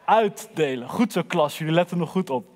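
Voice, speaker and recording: Lively high-voiced children's storyteller man. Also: fairly quick, big-room sound. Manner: lively, addresses the children directly. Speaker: children's church presenter.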